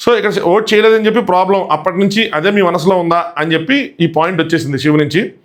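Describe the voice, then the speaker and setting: A man giving a casual commentary recap as a show reviewer, retelling fast and acting out quotes. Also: high-pitched.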